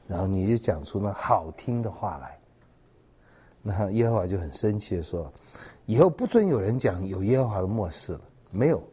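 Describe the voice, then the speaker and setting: Man, preacher, sermon, low voice, warm dark tone, measured with fillers. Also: breathy edge. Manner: measured, with frequent fillers and repeated words. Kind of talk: Bible teaching sermon.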